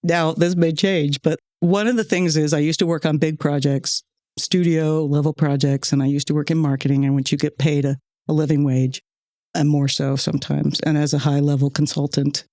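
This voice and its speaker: A podcast host and producer chats casually into a studio microphone, talkative and grateful, laughing often between thoughts. Her low, mellow voice has little pitch movement and a moderate pace, recorded dry with studio quality.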